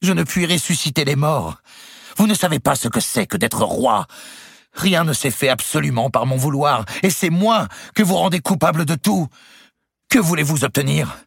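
A raging, thin-skinned young king, put on by a man reading a historical novel. He shouts in a strained, high, husky voice that keeps swooping up and down, dry and close to the mic. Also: expressive, normal speed, no room sound, exaggerated voice. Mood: shrill, whining. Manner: shouting, indignant, voice cracking high. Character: hot-tempered young king, shrill when cornered.

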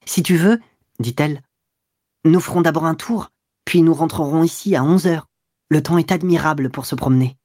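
A quick-tempered young woman in an audiobook, clipped and scornful in her replies, as a man reads her lines. Her voice sits higher than the narration and snaps at each word. The reading is close and dry, with no room sound at all. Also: steady tone, darkish tone, dry recording, lightly acted. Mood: lively. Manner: cold, curt, disdainful replies. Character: spirited young woman, proud, quick to anger. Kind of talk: audiobook dialogue.

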